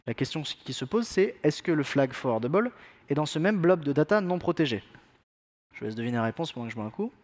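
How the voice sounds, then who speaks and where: Male conference presenter, slightly high voice, playful and self-deprecating, filler-heavy delivery. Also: animated, fast. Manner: joking, self-mocking, many fillers. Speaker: conference speaker. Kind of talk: technical conference talk.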